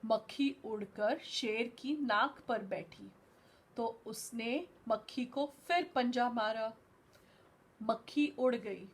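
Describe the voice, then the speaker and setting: Over a video call, a female teacher leads an online class, reading a story and carefully explaining vocabulary while mixing in some English. She speaks on the higher side with a breathy edge.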